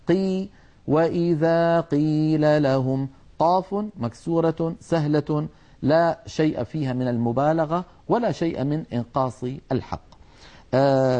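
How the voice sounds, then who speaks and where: A man teaching Quran recitation, explaining letter sounds earnestly and sometimes scolding, drawing out his demonstrations slowly. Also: fairly high pitch, mellow, lo-fi sound. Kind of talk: tajweed lesson.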